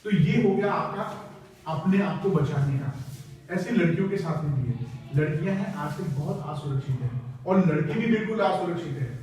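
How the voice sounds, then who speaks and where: A man giving a lively safety lesson to young schoolchildren, coaxing and urging them to shout. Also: fairly high pitch, normal speed. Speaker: child safety trainer. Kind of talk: classroom talk to children. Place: school classroom or hall. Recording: echoey room from far off, faint noise.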